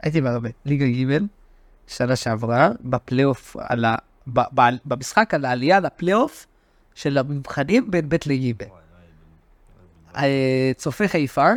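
A man co-hosting a casual sports podcast, animated and teasing, telling stories with big swings in his voice. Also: no room sound. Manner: animated, teasing, tells stories with shifts in pitch. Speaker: podcast co-host.

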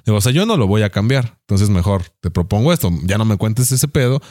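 Young mexican guy, low dark voice, talks fast n blunt, lots of slang, dry close mic. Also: animated, no echo. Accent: Mexican Spanish. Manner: blunt, slangy and profane, quick to mock friends. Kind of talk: casual chat.

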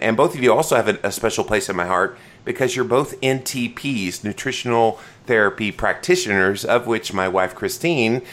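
A man's voice: on the low side, a bit bright. A man hosting a podcast, chatting casually and joking about himself as he introduces his guests. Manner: chatty, joking, self-deprecating. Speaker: podcast host. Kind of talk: casual interview chat.

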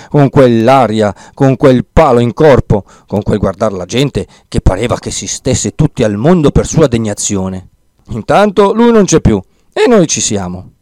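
A man's voice: medium pitch, dry recording, studio quality, close to an everyday voice. A man voicing a timid, fussy old village priest who rambles and frets in an audiobook reading. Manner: fretful, rambling, excitable.

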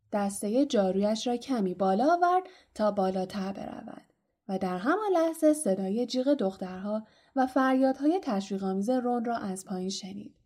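Mellow-voiced woman narrating an audiobook. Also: medium pitch. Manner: expressive storytelling, voicing characters.

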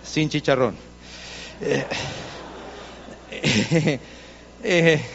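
Male pastor, high-voiced, storytelling sermon, insistent repetition, echoing church. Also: drawn-out words, lo-fi sound, slight background noise. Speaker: Adventist pastor.

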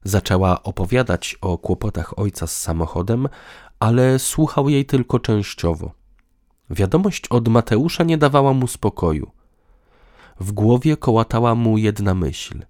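Man narrating a novel, low voice. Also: animated, measured pace, darkish tone, no echo, clean studio sound. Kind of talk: audiobook narration.

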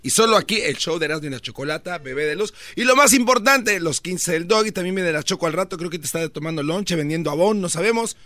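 A man co-hosts a comedy radio show with a slightly high voice. He drops short reactions and hypes the upcoming segments. A faint hiss sits under the recording. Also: lively intonation, fast talker, hardly any pauses, bright, forceful tone. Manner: short reactions and hype announcements. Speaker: radio co-host. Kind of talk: comic radio banter.

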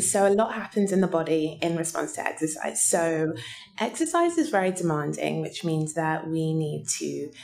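A woman's voice: low voice, gravelly. A woman guest scientist explaining things simply, step by step, to young listeners in an interview.

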